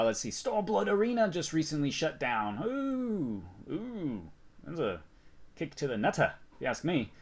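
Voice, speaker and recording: Sick man rambling through news. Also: mid-range voice. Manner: rambling, self-mocking, restarts often. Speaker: channel host. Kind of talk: casual news rundown.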